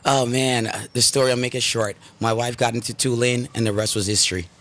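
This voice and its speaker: A man's voice: mid-range voice, steady tone, a little fast, fairly bright tone. A man from Guyana, a guest on a radio talk show, talking with enthusiasm and many fillers from inside the studio. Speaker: guest, drumming school founder. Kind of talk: radio interview.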